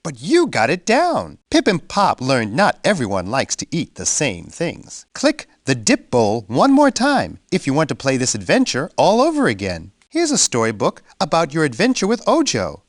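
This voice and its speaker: Bear, a hugely animated friendly cartoon bear. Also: male voice, fairly high pitch, moderate pace, few pauses, no echo, studio quality, full character voice. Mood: warm, proud. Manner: encouraging, expressive, exaggerated sniffing and reactions. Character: big friendly male bear, cheerful playful children's guide. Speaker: children's game character and storyteller. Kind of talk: children's edutainment game narration.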